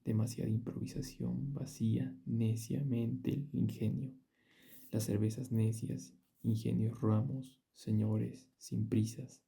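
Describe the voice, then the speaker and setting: A man's voice: medium pitch, little pitch movement, slow, gravelly, mellow. A man voicing a pompous young student who lectures his friends in a declaiming style, in an audiobook. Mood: orating. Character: pompous young male student, fond of grand speeches.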